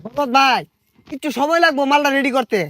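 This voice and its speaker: A man's voice: very high-pitched, a little fast, noisy background. A man, playing the grumbling sidekick in a comedy sketch. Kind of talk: comic sketch acting.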